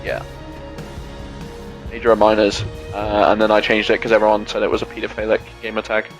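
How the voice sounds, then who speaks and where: A young man hosting a gaming channel, chatting casually over gameplay in animated, rambling rants full of swearing and filler words. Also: fairly low pitch, a little fast, faint music behind.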